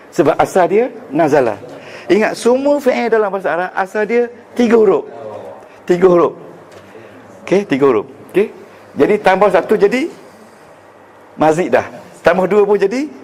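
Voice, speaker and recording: Man, Malaysian Malay accent, religious teacher, fairly high voice, playful classroom quizzing. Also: darkish tone, slight background noise. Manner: joking, quizzing students, call-and-response. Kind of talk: classroom lecture on Arabic grammar. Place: lecture room with students.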